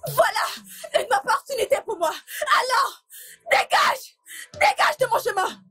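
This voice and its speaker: A woman's voice: very high-pitched, lively intonation, normal speed, a bit bright, faint music behind. A woman dubbing a film role as a fierce, defiant younger sister who screams and hurls insults. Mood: furious. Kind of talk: dubbed film acting.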